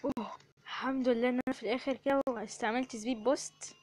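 A woman with an Egyptian accent giving excited commentary over her gameplay, full of exclamations and quick prayers. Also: fairly high pitch, faint music behind. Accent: Egyptian Arabic. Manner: excitable, frequent exclamations and prayers under pressure. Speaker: gamer.

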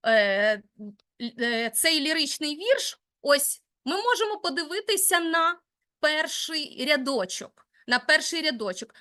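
High, bright-voiced woman teaching a class. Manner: encouraging, guiding students step by step. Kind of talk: classroom lesson.

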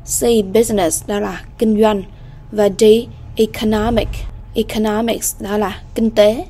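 A woman teaching an English exam-prep lesson, slowly repeating English words and often checking in with students. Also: mid-range voice, little pitch movement, dark tone, breathy edge.

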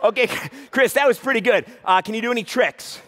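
A man's voice: extremely high pitch, a little fast, fairly bright tone. A man performing a live comedy juggling act, teasing a volunteer in playful banter and hyping the crowd. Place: live stage before an audience.

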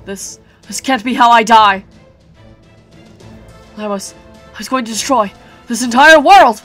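A woman's voice: on the high side, measured pace, pushed and bright, faint music behind. A woman voicing a raging, defiant fire giant king from a game, in a bellowing, theatrical villain manner. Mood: desperate rage. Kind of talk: game dialogue read aloud in character.

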